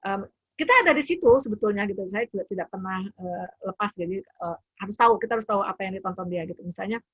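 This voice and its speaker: A woman's voice: medium pitch, fast talker, fairly bright tone, breathy edge, dry recording, highs cut off. A woman, a parent, giving an informal webinar talk from home, chatty with many fillers and acted quotes of parent and child. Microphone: computer mic on a video call.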